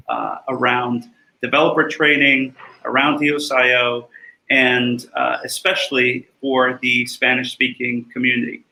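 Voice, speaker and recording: Man, interview guest, from Costa Rica, level monotone delivery, bright forward tone, explanatory, filler-heavy. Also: mid-range voice, gravelly, low-quality recording. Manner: steady explanatory, with frequent fillers and restarts. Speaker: guest, blockchain company co-founder. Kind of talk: conversational interview answers.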